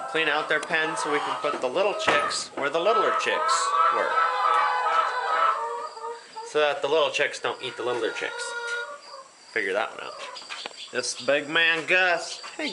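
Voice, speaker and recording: A young man from Iowa chatting playfully as a vlogger on his farm and in the car. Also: a little high. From Iowa, USA. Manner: playful, chatty, jokey with animals. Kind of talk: casual vlog chat. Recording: loud background noise from chickens and traffic. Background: chickens clucking, vehicle noise.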